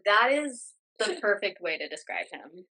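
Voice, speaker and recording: A woman's voice: mid-range voice, big pitch swings, unhurried, bright, forceful tone. A woman co-hosting a casual podcast, chiming in with agreeable side comments and trivia. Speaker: podcast co-host. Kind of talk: casual chat.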